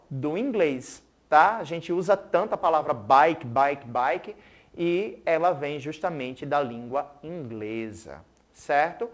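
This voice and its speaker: An English teacher giving a recorded school TV lesson, checking in with pupils often and saying words slowly for them to repeat. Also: mid-range voice. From Pernambuco, Brazil. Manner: keeps checking in with "certo?" and "né?".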